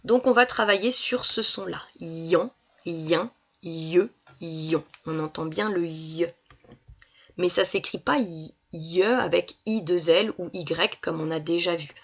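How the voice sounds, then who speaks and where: A woman's voice: lowish voice, unhurried, gravelly, fairly bright tone, slightly rough. A woman primary school teacher giving a reading lesson to young children, patiently sounding out syllables. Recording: dull lo-fi recording.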